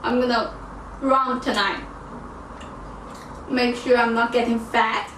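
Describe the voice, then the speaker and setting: A woman's voice: fairly high pitch, fairly even intonation, slow, a bit bright, slight background noise, rough recording. A woman giving a casual cooking tutorial in her home kitchen, chatty and direct, with slightly non-native phrasing. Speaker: cooking vlogger.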